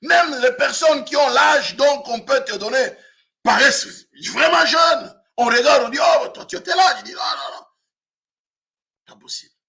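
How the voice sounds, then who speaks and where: A man in his fifties, a pastor from Africa, preaching a sermon with frequent shouted emphasis. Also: extremely high pitch, moderate pace, creaky. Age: 50s.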